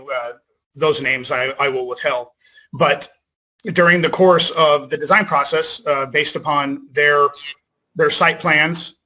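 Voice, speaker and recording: A man giving formal testimony as an engineer over a video call, deferential and halting in his phrasing. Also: a little high, pushed and bright, rough recording. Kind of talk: formal public meeting testimony.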